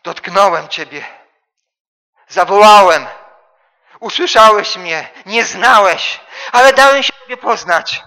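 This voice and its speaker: A man preaching voices Jesus speaking to a disciple, loud, exalted and declaiming. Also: sits high, in a large hall, pitched above the performer's own voice, full character voice. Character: Jesus as a fervent grown man addressing a disciple.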